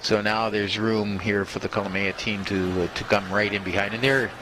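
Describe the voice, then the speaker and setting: A man giving unscripted, conversational color commentary on curling, analyzing in a halting way. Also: fairly low pitch, steady tone, background noise.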